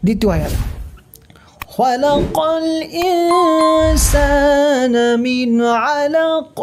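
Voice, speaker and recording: A woman's voice: mid-range voice, dark tone. Patient woman teaching Quran reading. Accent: Bangladeshi Bengali. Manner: patient, repeats syllables slowly, asks and answers own questions. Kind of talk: step-by-step recitation lesson.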